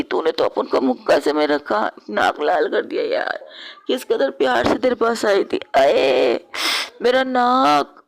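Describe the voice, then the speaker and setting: A woman's voice: fairly high pitch, gravelly, voice pushed up. A woman voicing a young woman disguised as a swaggering man, with a Punjabi accent, teasing and drawing out sing-song lines. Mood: whining.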